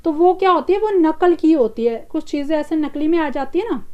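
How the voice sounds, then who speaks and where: An Indian woman teaching an exam-prep English vocabulary lesson, explaining in Hindi and reading the English answer options slowly. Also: high-pitched, a little mellow, lo-fi sound.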